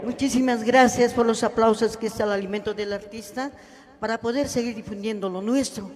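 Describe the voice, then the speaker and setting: A woman's voice: fairly high pitch, fairly even intonation, fairly quick, darkish tone. A woman folk singer with an Ayacucho Peruvian accent, singing and speaking earnestly to the audience at a live cultural event. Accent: Ayacucho Peruvian Spanish. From Ayacucho, Peru. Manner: earnest, heartfelt address to the audience. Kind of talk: live huayno singing and stage talk. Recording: long echoing reverb, faint music.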